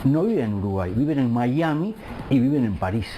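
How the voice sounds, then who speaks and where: A man's voice: mid-range voice, animated, a little fast, mellow, a little hiss or hum. A man interviewing a politician, pressing him with a string of rhetorical questions. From Colombia.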